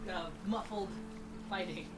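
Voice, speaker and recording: A woman's voice: medium pitch, measured pace, reverberant, recorded from a distance, music in the background. A woman running a tabletop game as game master, narrating with many fillers and restarts. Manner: hesitant, lots of fillers and restarts.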